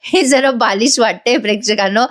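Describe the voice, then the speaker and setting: A woman's voice: a little high, moderate pace. A woman doing a voice-over review of a serial episode, amused and chatty, talking straight to viewers. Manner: gossipy, amused, addresses viewers.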